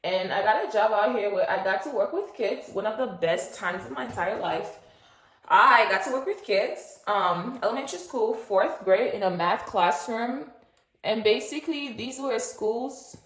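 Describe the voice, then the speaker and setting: A woman's voice: on the high side, expressive, moderate pace, fairly bright tone. Chatty young woman in an echoey room. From Nigeria. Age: 20s. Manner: rambling, chatty, lots of fillers and asides. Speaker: vlogger. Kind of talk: casual chat, get-to-know-me story.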